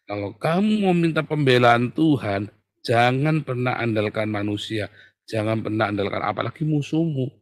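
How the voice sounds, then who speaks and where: Pastor, sharp swings from loud to hushed. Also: male voice, medium pitch, lively intonation, normal speed, dry recording, clean studio sound. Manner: swings from loud exhortation to soft hushed asides; colloquial, laughs at his own jokes. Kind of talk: sermon.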